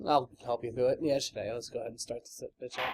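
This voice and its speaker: A man's voice: medium pitch, fairly even intonation, fast, darkish tone, slight background noise. A man hosting a let's play video, chatting casually and laughing often. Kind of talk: casual gaming chat.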